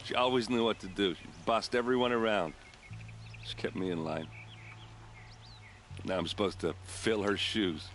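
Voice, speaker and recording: Deep-voiced grieving guard captain played by a man. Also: steady tone, moderate pace, pauses often, a bit bright, a little hiss or hum, close to an everyday voice. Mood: bitter, grieving. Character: grieving, tipsy, bitter male guard captain.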